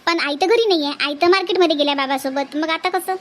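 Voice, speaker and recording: A woman's voice: extremely high pitch, fast. A woman voicing a shy young wife who fears her mother-in-law, in a village cartoon. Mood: hesitant.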